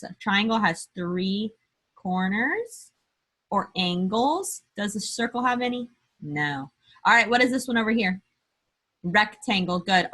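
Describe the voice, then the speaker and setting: A woman teacher with a bright, clear-cut voice leads little children through a lesson. She speaks slowly and deliberately, as if to a toddler. She puts emphasis on key words and leaves pauses after simple questions. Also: medium pitch. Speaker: early-grade teacher. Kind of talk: remote math lesson for young children. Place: indoor room, screen-share lesson.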